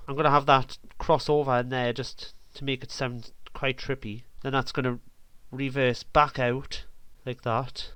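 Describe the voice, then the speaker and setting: A man's voice: mid-range voice, a bit bright, dry recording. A man vlogging while he edits a track, rambling playfully and mouthing out beat sounds as he goes. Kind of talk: casual commentary while editing music.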